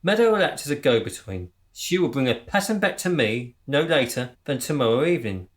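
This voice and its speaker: In a radio comedy drama, a man with a brisk, sing-song, natural mid-range voice plays an earnest, pompous gang leader who is easily flustered. He sounds pompous, businesslike and precise, though he stammers and splutters when worked up.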